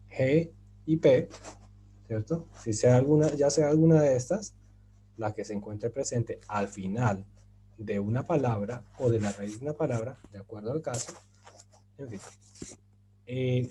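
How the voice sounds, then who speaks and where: A man's voice: medium pitch, warm tone, slight background noise. A man giving an online grammar lesson, explaining patiently with many fillers and asking his students if they follow. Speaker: Turkish teacher.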